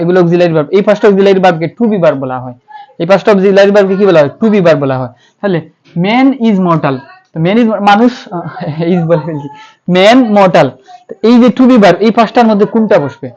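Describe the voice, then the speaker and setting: A high, darkish-toned male voice with a Bangladeshi accent delivers a classroom-style English grammar lecture. He answers his own questions and spells words letter by letter, and the recording is slightly dull and lo-fi.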